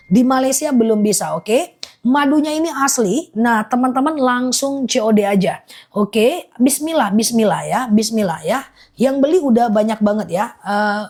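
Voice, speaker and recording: A woman selling honey in a live stream, chatting in a reassuring, repetitive way and slowing down to list items one by one. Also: fairly high pitch, a little mellow. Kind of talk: live-selling sales pitch.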